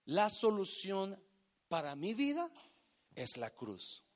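A man preaching a sermon, swinging from hushed, drawn-out phrases to loud, emphatic bursts. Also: high-pitched, huge pitch swings. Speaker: pastor.

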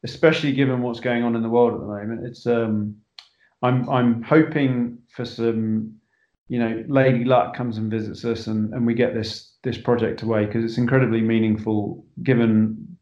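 A man's voice: mid-range voice, level tone, moderate pace, darkish tone. A man who directs films, talking earnestly as a podcast guest, with many restarts. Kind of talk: casual interview talk. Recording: echoey, dull remote line.

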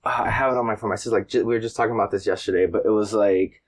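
A man with a lowish voice chats about his teaching in a relaxed, rambling way. His sentences wander and fill with little hesitations. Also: rapid-fire. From born in London, raised in New Jersey. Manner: relaxed, rambling with many fillers. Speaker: guest, middle school engineering teacher. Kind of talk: casual conversation.

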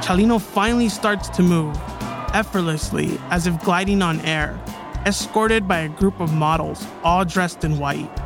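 Man, podcast host, high-pitched voice, scripted true-story narration, music playing underneath. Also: normal speed. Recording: music bed behind the voice.

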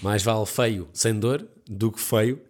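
A man with a European Portuguese accent, co-hosting a casual podcast chat, teasing with quick interjections. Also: on the low side. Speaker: podcast co-host.

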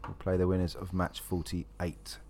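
A man's voice: sits low, monotone, moderate pace, darkish tone, slight background noise. A man hosting a live sports draw, announcing each number as a fixture and chatting casually in between. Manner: repeats each drawn number as a match announcement.

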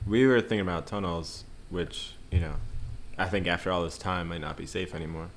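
Deep-voiced easygoing player. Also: male voice, fairly even intonation, fairly quick, slight background noise. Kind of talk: casual tabletop play.

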